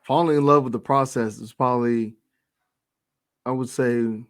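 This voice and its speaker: A man hosts a casual interview, asking questions and affirming with short, friendly replies like "right" and "yeah, man." His medium-pitched voice has fairly even intonation and a normal speed, recorded in clean studio sound with no room echo.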